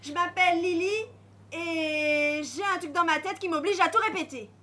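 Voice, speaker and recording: A woman's voice: very high-pitched, normal speed. An actress playing a shy woman who says everything twice, on a live stage. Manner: says each sentence twice, flat and shy. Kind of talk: live amateur stage acting. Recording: live stage with audience noise.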